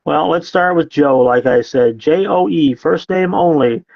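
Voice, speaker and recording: Male podcast host, slightly high voice, dry close sound, lo-fi, sarcastic and profane. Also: measured pace, gravelly, no room sound. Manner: sarcastic, profane, mock-scolding commenters. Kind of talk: casual podcast chat.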